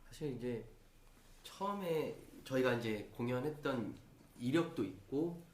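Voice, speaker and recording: Man, stage actor, interview guest, slow measured speech, echoey room, faint noise. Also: medium pitch, lively intonation, darkish tone. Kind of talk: casual interview chat.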